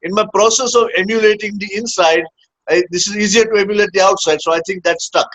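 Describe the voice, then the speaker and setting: A leadership coach from India tells his story in a casual interview, rambling with many "uh" fillers and tagging sentences with "huh?". His high-pitched, fairly bright voice moves quickly with fairly even intonation. The audio is dull and lo-fi.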